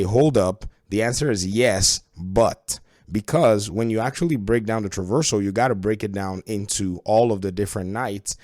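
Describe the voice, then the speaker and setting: A man's voice: fairly low pitch, a little mellow, no echo, studio quality. A man giving casual, opinionated game review commentary in a conversational way, his voice stuffed up by a cold.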